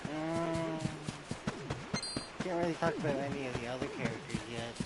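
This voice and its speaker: Tired man rambling over loud noise. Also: fairly high pitch, normal speed. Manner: rambling, hesitant, trailing off. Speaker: let's play host. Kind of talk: casual gameplay commentary.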